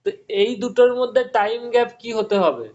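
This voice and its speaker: A man's voice: very high-pitched, sing-song, a little fast, darkish tone, muffled recording. A male physics teacher giving an online class, explaining step by step and often stopping to quiz his students.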